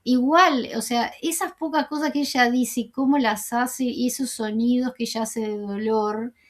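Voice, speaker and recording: High-voiced woman recapping TV scenes. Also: steady tone, normal speed. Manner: rambling, many fillers and self-corrections. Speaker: TV series commentator.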